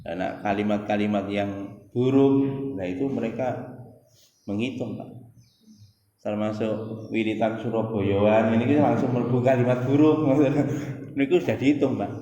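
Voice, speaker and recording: A man's voice: lowish voice, fairly even intonation, measured pace, long pauses, warm tone, highs cut off. A man with a Javanese accent preaching a sermon, chatting with the congregation and chanting verses in between. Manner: mixes Javanese into Indonesian, addresses listeners as "Pak", chants Quran verses. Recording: echoey hall, long reverb.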